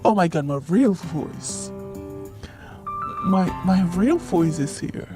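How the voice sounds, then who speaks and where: A woman's voice: fairly low pitch, lively intonation, takes it slowly, over music, voice pushed down. A woman talking through a voice changer that makes her sound muffled and underwater, reacting with amused surprise.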